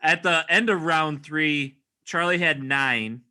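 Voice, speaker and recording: A man's voice: on the high side, slow, sharp tone, smooth. A man co-hosting a podcast, chatting casually and admitting he is unsure of his answers. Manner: self-deprecating, unsure. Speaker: podcast co-host. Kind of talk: casual chat.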